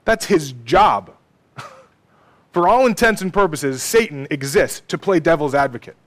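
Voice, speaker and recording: A man's voice: on the high side, expressive, measured pace, a bit bright. A man preaching a sermon emphatically, asking rhetorical questions and checking in with "okay?".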